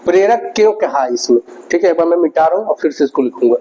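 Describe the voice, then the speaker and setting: Speaking fast in a slightly high, animated, mellow voice, a male teacher runs a grammar lesson, asking his students questions and repeating key words often. Faint noise sits under the dull, lo-fi recording.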